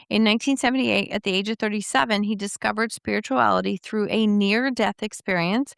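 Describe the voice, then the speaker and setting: Gravelly-voiced enthusiastic woman podcast host. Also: mid-range voice, dry recording, studio quality. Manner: enthusiastic, warmly effusive. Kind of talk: podcast intro and interview.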